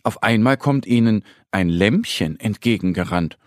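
An adult man narrating a children's story with lively, expressive delivery. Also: on the low side, moderate pace, no echo, studio quality.

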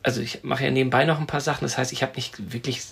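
A man around forty, co-hosting a podcast in a chatty, animated way. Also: medium pitch, fast, vocal fry, slight background noise. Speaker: podcast co-host. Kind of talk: casual chat.

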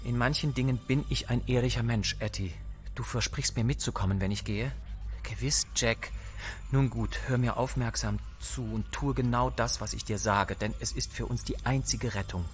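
A man voicing a grim, resolute schemer who gives orders in a forceful, raised voice. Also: mid-range voice, normal speed, close to an everyday voice. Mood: urgent.

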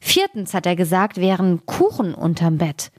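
A woman's voice: fairly low pitch, big pitch swings, moderate pace, no room sound, clean studio sound. A woman voicing a sly little peasant trickster in a storybook tale, speaking in a raised, cheerful tone.

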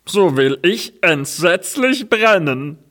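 A man voicing a small dramatic talking dung heap in a storybook reading, in a high singsong. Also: big pitch swings, slow, fairly bright tone, exaggerated voice.

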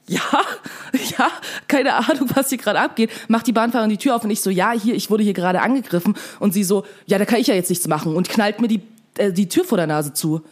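A woman's voice: medium pitch, breathy edge. A young woman telling a story to camera in casual, chatty speech full of fillers, still shaken.

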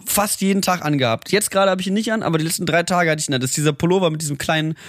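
A man co-hosting a podcast, telling rambling, animated stories in casual chat and laughing often. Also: fairly high pitch, racing, no echo, studio quality. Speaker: podcast co-host.

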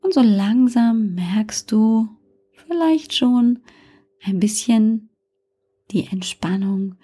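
Female sleep-story style meditation guide: soft, dark-warm, near-whispered, calm, unhurried delivery with long pauses. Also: fairly high pitch, husky. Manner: calm, soothing, gentle suggestions with long pauses. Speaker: guided relaxation instructor.

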